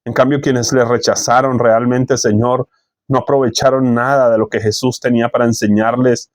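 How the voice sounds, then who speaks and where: Guy leading a prayer, steady earnest phrasing, keeps saying lord between lines, dry close mic. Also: medium pitch, no echo. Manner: earnest, measured, repeats "Señor" between phrases. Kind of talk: spoken prayer.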